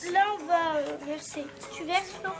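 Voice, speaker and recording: A woman's voice: very high-pitched, steady tone, moderate pace, loud music behind the voice. A woman chatting casually through a cooking vlog, explaining each step as she goes. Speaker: vlogger.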